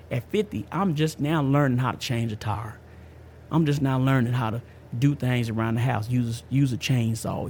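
A podcast host in his fifties gives a casual personal testimony, leaning on slang and emphasis and repeating himself a lot. His voice sits in the mid-range, and there's slight background noise.

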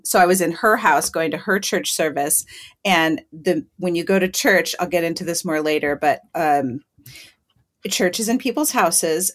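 Animated young woman telling stories. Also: on the low side. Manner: lively, laughs often while telling anecdotes. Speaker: podcast guest. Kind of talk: casual storytelling chat.

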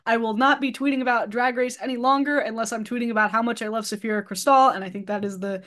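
A woman's voice: fairly high pitch, fairly even intonation, fast talker, fairly bright tone. A woman speaking as a podcast guest, rambling in a blunt, self-deprecating way with lots of fillers. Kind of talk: casual podcast chat.

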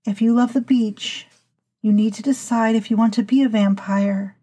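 A woman voicing a centuries-old female vampire historian who talks in a slow, formal, lecturing way to her initiates. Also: on the high side, steady tone, dark tone, breathy edge. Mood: scolding. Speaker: narrator of a vampire storytelling podcast. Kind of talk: scripted audio fiction monologue.

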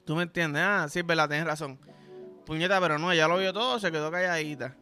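A man's voice: a little high, fast, pushed and bright, faint music behind. A young Puerto Rican man hosting a podcast, ranting profanely and acting out the people he complains about. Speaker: podcast host. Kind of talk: solo comedic rant.

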